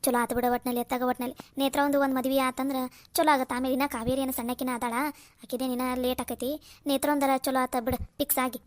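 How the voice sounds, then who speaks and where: A woman's voice: high-pitched, flat delivery, fast, natural voice. A woman voicing a nosy gossiping village woman. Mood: chatty. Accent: North Karnataka Kannada. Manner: chatty, gossiping. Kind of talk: cartoon voice acting.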